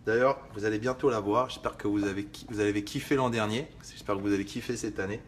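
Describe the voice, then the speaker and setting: A man's voice: fairly low pitch, steady tone, quick pace, a little hiss or hum. A man vlogging in a casual, slangy way while making a drink in his kitchen, swearing lightly and rambling with asides to the viewer. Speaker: fitness vlogger. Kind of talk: casual video chat while preparing a drink.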